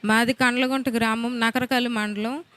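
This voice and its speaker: A woman's voice: a little high, steady tone, normal speed, over loud music. A woman from Andhra Pradesh, India, telling her personal testimony in plain, earnest words. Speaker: testimony giver.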